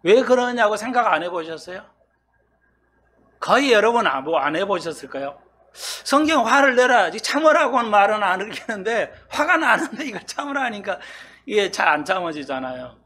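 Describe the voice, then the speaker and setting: A man's voice: high-pitched, sing-song, moderate pace, pushed and bright, breathy edge. A male pastor preaching an expository sermon in a conversational way, often asking his congregation questions and playing out their replies.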